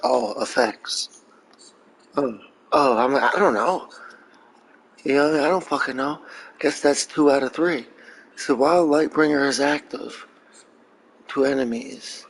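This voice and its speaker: A streamer reacting to a video game chats casually, swearing freely and rambling through crude jokes. His mid-range voice is a little slow and slightly rough with vocal fry and frequent pauses, on a rough recording.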